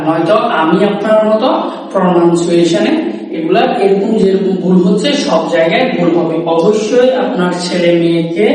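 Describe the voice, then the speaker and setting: A young man with a high voice teaches pronunciation, drawing out single sounds one by one and slipping English words into his explanation. He sounds far from the mic in an echoey room with a long ring after each phrase. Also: a little mellow. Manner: repeats single sounds slowly and stresses points; mixes Bengali and English. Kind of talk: video lesson.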